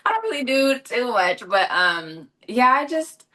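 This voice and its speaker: On the high side and very animated, yet unhurried, this young woman speaks with a sharp tone. An actress from Los Angeles, she's a guest answering interview questions chattily, with many fillers and self-corrections.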